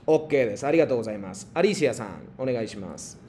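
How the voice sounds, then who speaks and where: A man's voice: mid-range voice, lively intonation, fairly quick, mellow, a little hiss or hum. A man teaching a class online and calling on students by name, patient in manner. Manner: patient, calls on students by name, mixes Japanese prompts into Spanish explanations. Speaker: Japanese language teacher.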